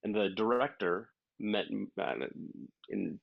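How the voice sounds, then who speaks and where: Man, low pitch, animated anecdotes, dull lo-fi audio, dry. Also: slow pace, vocal fry, no echo. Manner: animated, acts out quoted dialogue. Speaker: voice actor guest. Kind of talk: casual interview storytelling. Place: based in Los Angeles.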